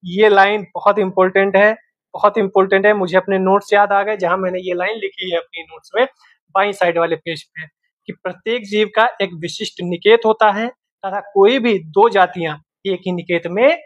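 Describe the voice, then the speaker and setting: A man's voice: high voice, fairly even intonation, moderate pace, no room sound, highs cut off. A man teaching exam questions in a lecture style. He explains step by step, repeats key points and mixes in English terms.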